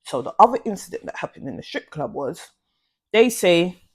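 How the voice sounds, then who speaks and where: A young woman telling a slangy, animated storytime vlog. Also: fairly low pitch, moderate pace, husky. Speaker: vlogger.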